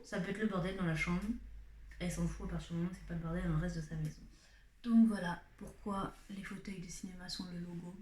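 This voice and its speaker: A young woman chatting to the camera in a casual vlog from a dim room at home, rambling on with self-mocking asides. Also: fairly low pitch. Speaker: vlogger. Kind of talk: casual face-to-camera chat. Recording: roomy home room sound.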